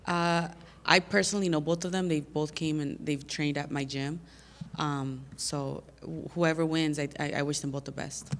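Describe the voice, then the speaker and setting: At a media day, a plainspoken, earnest fighter from the United States fields reporters' questions, frequently repeating words as she gropes for what to say. She talks unhurriedly in a low-pitched, fairly even voice, and a long reverb tail follows her.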